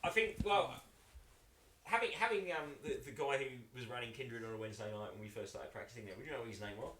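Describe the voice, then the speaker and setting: A man's voice: medium pitch, animated, fast talker, a bit bright, a little hiss or hum. A middle-aged man, hosting a casual chat over drinks and rambling with frequent restarts. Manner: rambling, restarts often, chatty. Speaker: show host and band member. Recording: roomy studio echo.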